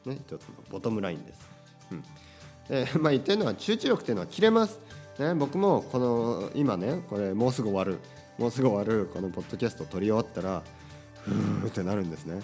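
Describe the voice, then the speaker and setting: Lively Japanese man chatting solo. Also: on the low side, quick pace, gravelly, soft background music. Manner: energetic, chatty, frequent tag questions. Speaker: podcast host teaching Japanese. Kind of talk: casual solo podcast talk.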